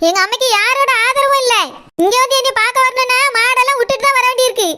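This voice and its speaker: A voice actor playing a young, sharp-tongued village daughter-in-law in a cartoon, with a Kanyakumari Tamil accent, talking back quickly. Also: very high-pitched, fairly even intonation, heavy background noise. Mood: defiant. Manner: talks back, quick and cheeky.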